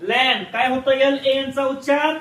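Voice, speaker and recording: A male teacher running a call-and-response lesson, loudly quizzing his class and repeating each point. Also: very high-pitched, level tone, moderate pace, a faint crowd. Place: echoey classroom full of pupils. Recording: roomy, distant, loud class noise.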